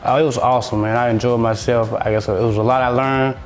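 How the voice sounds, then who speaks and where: A man from Memphis gives an enthusiastic testimonial, pausing often with fillers. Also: medium pitch, fairly even intonation. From Memphis, Tennessee. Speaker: detailing student. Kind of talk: testimonial interview. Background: faint music.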